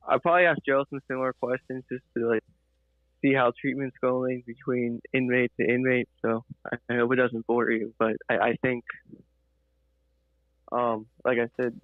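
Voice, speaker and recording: Man talking casually on a phone-like line, flat tone, dry sound. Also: mid-range voice, no echo. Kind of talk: casual call-in discussion. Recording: muffled phone-like connection.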